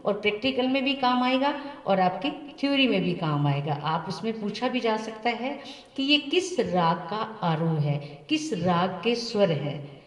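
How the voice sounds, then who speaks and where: A woman music teacher talks students through theory at a patient pace, often posing a question and answering it herself. Her voice is mid-pitched and comes from a little way off the mic. The room rings with a long, echoey tail. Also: far from the mic.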